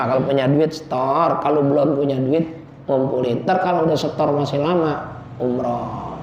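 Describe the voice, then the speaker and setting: A man preaching, telling stories with jokes and loud emotional peaks. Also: mid-range voice, a little hiss or hum. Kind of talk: informal religious study talk. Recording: echoey room, dull lo-fi sound.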